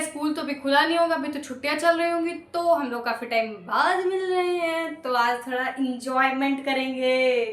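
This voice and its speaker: Young female tutor, high voice, friendly coaxing patter, recorded in an echoey room. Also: fairly bright tone. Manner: chatty, coaxing, repeats promises and guarantees. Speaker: maths teacher. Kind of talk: casual online lesson.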